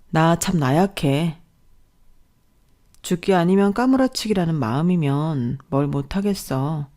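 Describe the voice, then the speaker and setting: A woman voicing a kind, soft-spoken young husband who apologizes and reassures his wife. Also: deep voice.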